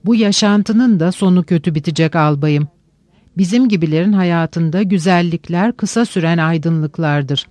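A man narrating a literary audiobook in a measured, reflective way with slow pauses. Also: a little high, a little mellow, no echo.

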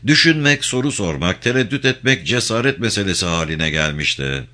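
A man's voice: lowish voice, lively intonation, brisk, sharp tone. A man narrating a novel in a dramatic storytelling manner. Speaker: audiobook narrator.

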